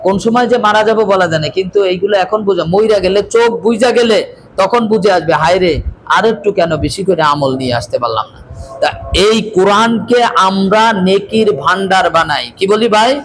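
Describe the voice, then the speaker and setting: Man, very high voice, Quran recitation teacher, keeps asking "right?", faint noise behind. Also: a little fast, poor audio. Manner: repeats checking questions to students, stresses letters aloud. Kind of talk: classroom recitation lesson.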